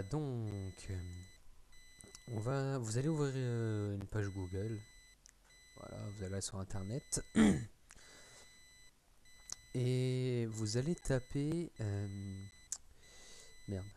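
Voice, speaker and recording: A man's voice: fairly low pitch, slow, pauses often, mellow, a little hiss or hum. A man with a French accent talking through a computer tutorial on screen, hesitant, full of fillers and restarts. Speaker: tutorial maker. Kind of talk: screen-recorded tech tutorial.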